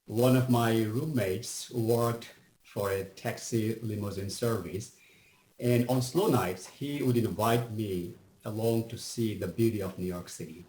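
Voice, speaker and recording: A middle-aged man from Bangladesh with a Bangladeshi accent, giving a measured, reflective personal testimony at a public event, pausing often with fillers. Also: on the low side, warm tone, reverberant, slight background noise, poor audio.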